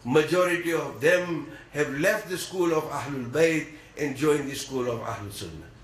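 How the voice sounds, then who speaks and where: A man from East Africa preaching a religious sermon, earnest and measured, with deliberate pauses. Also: on the high side, reverberant, low-quality recording.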